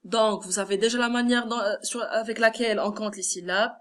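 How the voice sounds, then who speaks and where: Her voice a little high, steady and fairly bright, this primary school teacher moves at a slightly fast pace. With a Moroccan French accent, she corrects a first-grade lesson, patiently sounding words out syllable by syllable.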